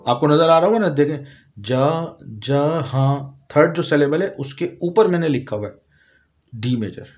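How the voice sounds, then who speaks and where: A man with a Pakistani Urdu accent, calmly explaining a piano lesson step by step, sometimes singing short lyric lines slowly. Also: fairly high pitch. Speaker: music teacher. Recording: piano playing behind voice.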